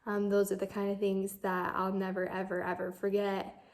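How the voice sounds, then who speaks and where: A woman's voice: medium pitch, completely flat delivery, normal speed. A young woman giving a heartfelt, rambling birthday message to her grandfather, with many fillers. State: emotional, close to tears.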